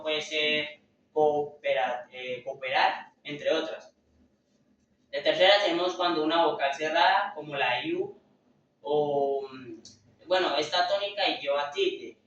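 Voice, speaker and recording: A man's voice: on the high side, measured pace, a bit bright, slight background noise. A young man giving a class presentation, hesitant and filler-heavy, often restarting his words. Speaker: student presenter. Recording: echoey room, far from mic, dull lo-fi.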